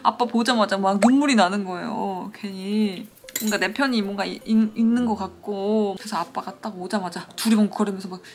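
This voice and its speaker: A woman's voice: medium pitch, a little fast, hardly any pauses, a little hiss or hum. Chatty young woman doing a makeup tutorial. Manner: chatty, animated when storytelling, soft asides. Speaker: beauty vlogger. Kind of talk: casual makeup tutorial with storytelling. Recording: faint music behind.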